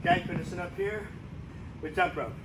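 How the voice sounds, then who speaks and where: A man coaching a circuit workout, barking short, energetic commands and instructions as he exercises along. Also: high-pitched, brisk, recorded from a distance. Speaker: fitness coach leading a workout. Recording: noisy room with gym ambience.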